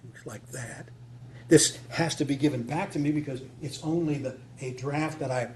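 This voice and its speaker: This conference speaker and radio drama writer has a fairly high-pitched voice and keeps a moderate pace. His talk is folksy and off-the-cuff, full of repeated phrases for emphasis, given live to a small group in a meeting room and captured with clear hum and noise.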